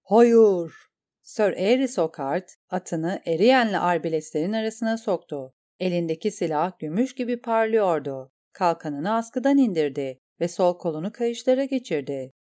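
A woman narrating a fantasy novel in a measured, dramatic reading style. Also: fairly low pitch, expressive, dark tone. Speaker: audiobook narrator. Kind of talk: scripted narration.

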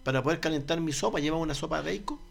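A man's voice: fairly high pitch, racing, gravelly, breathy edge, faint music behind. A man from Chile with a Chilean accent, telling an absurd comic story in a rambling, stammering, slangy way.

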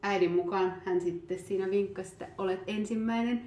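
A woman in her thirties chatting casually, telling lively anecdotes and acting out the voices of the people in them. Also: mid-range voice. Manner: animated storyteller, acts out voices in anecdotes. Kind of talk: casual chat. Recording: echoey room.

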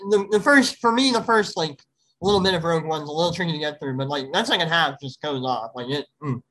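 Bright-voiced young host, upbeat and chatty. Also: male voice, fairly high pitch, slight background noise, poor audio. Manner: upbeat, quick to laugh, many fillers. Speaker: podcast host. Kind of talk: casual podcast chat.

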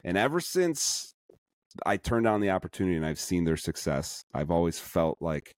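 A man's voice: low-pitched, big pitch swings, normal speed, no echo. A middle-aged man with a Chicago accent hosting a casual podcast, rambling and enthusiastic, full of fillers and restarts. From suburban Chicago. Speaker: podcast host.

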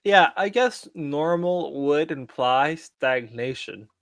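A man's voice: a little high, animated, slow, vocal fry, no echo. A man co-hosting a podcast, talking in an easygoing way with dry jokes. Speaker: podcast co-host. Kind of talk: casual chat.

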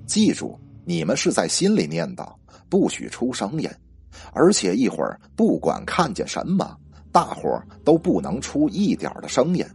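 A commanding village exorcist, voiced by a male storyteller speaks low and firm, his husky tone dropping well below the narrator's own. Each order comes short and flat, with faint music under the telling. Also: normal speed, exaggerated voice. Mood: stern commanding. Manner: giving curt, firm orders.

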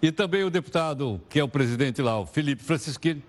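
A man's voice: a little high, animated, fast. Chatty man presenting the news. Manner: chatty, asks viewers rhetorical questions. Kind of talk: casual news commentary.

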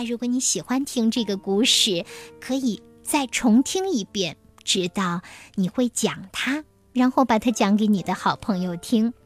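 Unhurried woman storyteller with a kindergarten-teacher manner. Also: on the high side. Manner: gentle kindergarten-teacher way of explaining to children. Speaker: children's storyteller. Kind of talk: storytelling for young children. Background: music.

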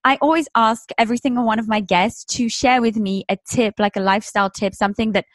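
A woman's voice: a little high, steady tone, fast, no room sound. A woman from Switzerland hosting a podcast, chatting casually in a blunt, sarcastic way that is full of swearing. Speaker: podcast host. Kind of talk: casual chat.

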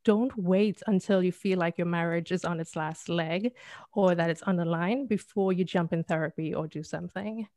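A woman's voice: fairly low pitch, normal speed, darkish tone, no echo. A woman who works as a therapist, speaking in an upbeat and encouraging way as an interview guest. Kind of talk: interview conversation.

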